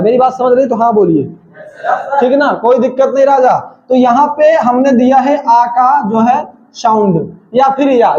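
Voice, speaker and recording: एक पुरुष अंग्रेज़ी शिक्षक व्याकरण की कक्षा पढ़ाता है, उदाहरण दोहराता है और बार-बार विद्यार्थियों से सवाल पूछता है।. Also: male voice, very high-pitched, darkish tone. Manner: drills examples, asks the class questions. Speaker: spoken English teacher. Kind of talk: classroom grammar lesson. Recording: echoey, dull lo-fi room sound.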